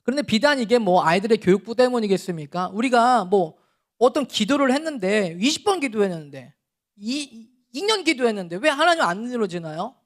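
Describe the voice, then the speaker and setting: A middle-aged pastor preaches a sermon in a relaxed, conversational manner, chuckling and acting out scoldings. His voice is high-pitched and his pace brisk.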